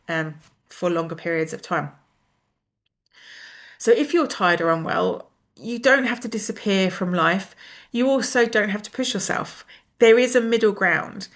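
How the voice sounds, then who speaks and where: A middle-aged woman with a blocked, nasal voice, sounding unwell and tired as she talks casually and reflectively to viewers with soft, low energy. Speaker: personal development coach and video host.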